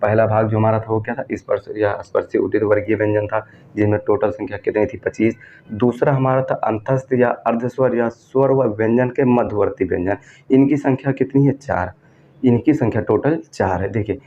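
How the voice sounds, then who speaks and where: In this exam-prep grammar class, a Hindi-accented man from northern India asks questions he then answers and keeps repeating the key terms. His voice is mid-range with a dark tone, and the audio is dull and lo-fi with slight background noise.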